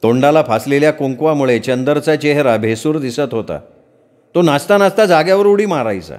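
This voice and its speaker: A man telling a folk tale in the traditional oral style, vivid and expressive, full of folksy comparisons. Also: on the high side, normal speed. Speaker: storyteller.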